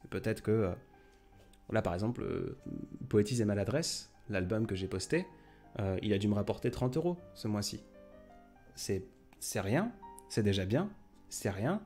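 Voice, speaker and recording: A man with a fairly low voice hosts a casual late-night live stream. He rambles and restarts as he answers viewers. Faint music plays in the background. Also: animated, moderate pace, pauses often, a little mellow. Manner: chatty, rambling, many fillers and restarts.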